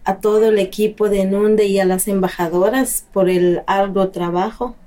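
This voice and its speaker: A woman with a Guatemalan accent speaks calmly in a short interview, pausing now and then. Her mid-pitched voice sounds dark and mellow.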